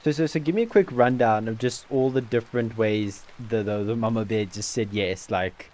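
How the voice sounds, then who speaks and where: At a normal speed, a man with a lowish, slightly mellow voice hangs out with friends during a game, joking and rambling with many fillers, as the host of his gaming channel.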